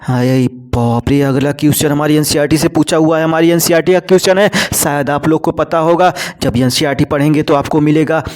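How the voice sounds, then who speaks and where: A man's voice: fairly high pitch, fairly quick, few pauses, darkish tone. A man teaching a biology lesson for exam students in mix, repeating key terms and answering his own questions. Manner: talks to students as "bhai sahab" and "beta". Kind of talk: exam-prep lecture.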